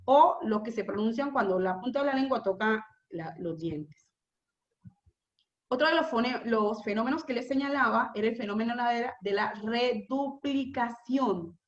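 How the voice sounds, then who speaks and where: A woman lectures a class in a high, bright-pitched voice. She explains patiently, slows down to repeat key terms and checks in with rhetorical questions. The room rings with echo, and the recording sounds a little dull and lo-fi. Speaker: teacher.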